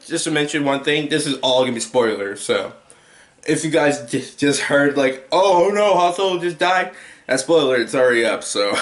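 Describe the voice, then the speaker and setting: A man's voice: mid-range voice, fairly bright tone, roomy sound. A young man giving a casual, rambling movie review at home, full of restarts and filler words. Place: home room with a TV.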